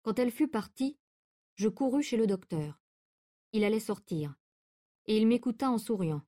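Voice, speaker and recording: Brief: woman audiobook narrator, measured and expressive, warm tone. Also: fairly high pitch. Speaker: audiobook reader. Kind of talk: literary narration.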